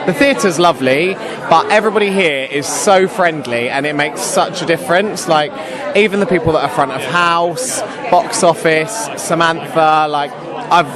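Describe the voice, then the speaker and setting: Young british guy gushing away in a chatty interview, voice a bit high, people chattering around him. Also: normal speed, crowd noise. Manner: enthusiastic, gushing. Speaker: pantomime actor and singer. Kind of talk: casual interview chat.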